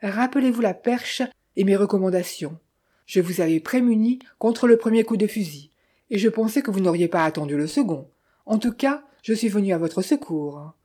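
A woman voicing a sly, smooth-talking male Italian bandit who mocks with false friendliness, in a storybook reading. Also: medium pitch, expressive, normal speed, dark tone, close to an everyday voice. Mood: mocking.

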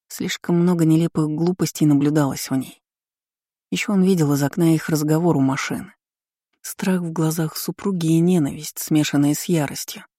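A woman's voice: low voice, dark tone, no room sound. Brief: woman audiobook narrator, dramatic reading, dry studio sound. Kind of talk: scripted story narration.

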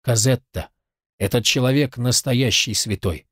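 A man's voice: medium pitch, unhurried, a bit bright, husky, no echo, studio quality. A man reading the lines of an impassioned, grateful young man in a storybook, fervent and insistent.

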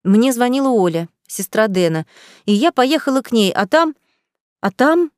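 A woman's voice: on the high side, very animated, moderate pace, dry recording, clean studio sound, pitched above the performer's own voice. A woman voicing a bold, meddlesome young woman who teases in a drawl, in a storybook reading. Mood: excited. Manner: teasing, drawling.

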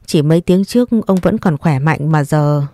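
A woman's voice: deep voice, moderate pace, dark tone, dry recording, natural voice. A woman voicing a grieving middle-aged aunt in a spoken story, talking in a plaintive, lamenting way.

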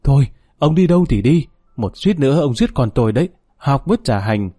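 A man's voice: mid-range voice, expressive, normal speed, mellow, dry recording, clean studio sound, natural voice. A man voicing a distraught, doting middle-aged mother who wails and scolds shrilly. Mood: scolding.

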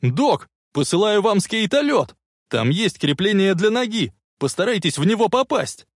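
Panicky young dude yelling, a man doing him, high and all over the place. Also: sing-song, moderate pace, no echo, clean studio sound. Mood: frantic yelling. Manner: frantic, urgent shouting. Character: excitable young man, frantic sidekick.

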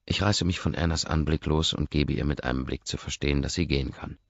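A man narrating a novel in the first person, hushed and intimate. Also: extremely low pitch, fairly even intonation, quick pace, creaky, no room sound, highs cut off. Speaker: audiobook narrator.

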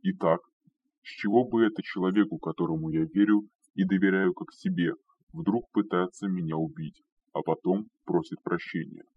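A man voicing a shaken young male lord who shouts urgently, recorded distant and dull. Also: sits low, lively intonation, moderate pace, breathy edge, heavily acted. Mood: stern, probing.

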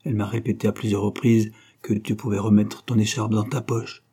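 A young wife who drawls her words, voiced by a male reader. The voice stays low, dark and husky, with a slow, trailing delivery. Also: flat delivery. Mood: drawling.

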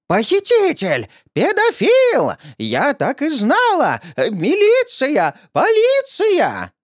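A man voicing a furious old woman who screeches threats in a shrill, drawn-out yell. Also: wildly swooping pitch, no echo, studio quality, exaggerated voice. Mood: hysterical. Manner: drawn-out hysterical yelling.

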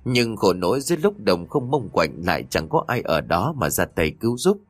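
A man narrating a ghost story in an expressive, dramatic storytelling style. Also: on the low side, normal speed, breathy edge, no echo. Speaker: audiobook narrator.

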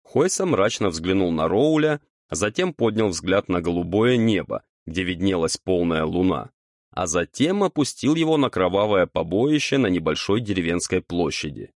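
A man narrating a fantasy audiobook with lively storytelling. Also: low-pitched, moderate pace, no room sound, studio quality.

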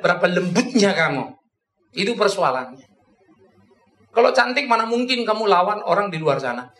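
A man preaching a sermon, animated, swinging between soft and loud, joking and acting out his own old quarrels. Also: sits high, moderate pace, reverberant. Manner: jokes and acts out his own past quarrels.

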